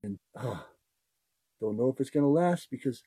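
An older podcast host with a very husky, mellow voice delivers an unscripted, heartfelt monologue, earnest and rambling, circling back over the same phrases. He is animated, talks at a moderate pace, and his pitch swings widely. The sound is dry and close, with no room sound.

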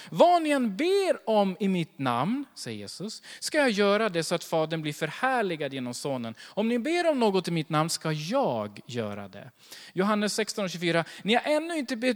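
Male pastor, sermon; high, lively delivery, acts out scenes; long church reverb. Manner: animated, acts out little scenes and quotes scripture. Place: church hall.

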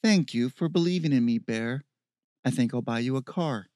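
A man voicing Steve, an excitable, smug teenage boy who talks in a sing-song voice in a storybook reading. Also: mid-range voice, normal speed, no echo, studio quality, lightly acted.

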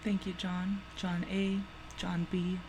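A woman's voice: fairly low pitch, monotone, slow, background noise. A woman co-hosting a company podcast, chatty and giggly in casual talk. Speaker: podcast co-host.

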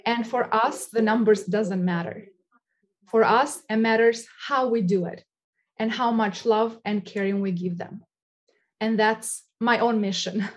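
Shelter coordinator, female, Albanian accent, fairly high voice, earnest, non-native English phrasing. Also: measured pace. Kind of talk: earnest interview talk.

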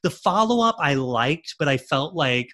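A man's voice: on the high side, lively intonation, moderate pace, pushed and bright. A man talking as an author and screenwriter in a casual interview, rambling with lots of fillers and restarts.

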